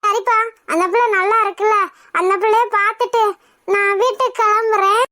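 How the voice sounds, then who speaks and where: A woman's voice: very high voice, steady tone, brisk, bright, forceful tone, no room sound, clean studio sound. A woman voicing a kind, humble old village grandmother in a cartoon, talking in a fussy, modest way. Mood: hurried.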